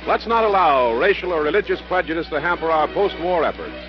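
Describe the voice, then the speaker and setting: A man's voice: fairly high pitch, sing-song, a little fast. An American man in the formal, declamatory manner of an old radio announcer, reading a scripted broadcast. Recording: muffled 1940s radio recording, music behind.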